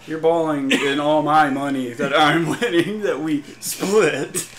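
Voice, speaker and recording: A man's voice: a little high, takes it slowly, a bit bright, reverberant. A man teasing his friend and laughing in casual chat over a racing game. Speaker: co-player.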